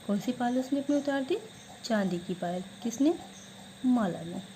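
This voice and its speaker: A woman teacher giving an online class lesson, who asks questions and answers them herself, drilling words slowly syllable by syllable. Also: a little high, expressive, mellow, a little hiss or hum, low-quality recording.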